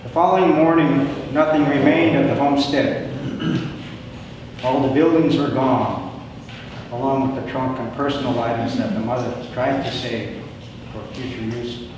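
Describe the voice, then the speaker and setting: A man's voice: medium pitch, normal speed. Older man telling stories in an echoey hall. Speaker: storyteller of family history at a local historical talk. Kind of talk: prepared spoken talk to an audience. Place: large echoing indoor hall. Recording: very echoey hall, distant mic, background noise.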